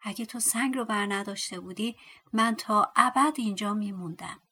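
A woman's voice: mid-range voice, bright, forceful tone, breathy edge. A woman voicing a wrinkled old male dwarf who cries out and then thanks his rescuer. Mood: grateful. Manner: crying out, grateful.

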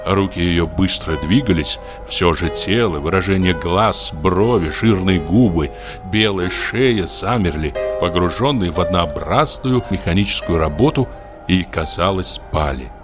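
Deep-voiced man reading a story. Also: measured pace, music in the background. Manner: expressive storytelling. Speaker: audiobook narrator. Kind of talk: scripted literary narration.

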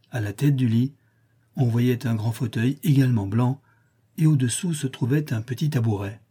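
A man narrating a classic novel as an audiobook in a measured, descriptive reading. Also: medium pitch, mellow, husky.

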